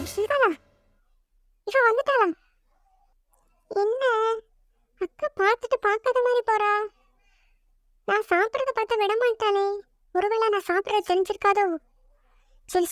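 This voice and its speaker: A pestering little sister from a cartoon, whiny and tattling, as a woman puts her on. The voice sits very high. It is recorded close and dry. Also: no room sound. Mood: greedy, sneaky. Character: bratty nosy little sister girl. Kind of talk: cartoon voice acting.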